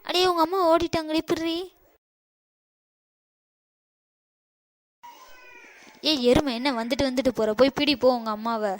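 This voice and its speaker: A woman's voice: fairly high pitch, fairly even intonation, fairly quick, no echo, close to an everyday voice. A woman voicing a bossy, scheming sister-in-law in a cartoon, brusque and ordering others about. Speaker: cartoon character.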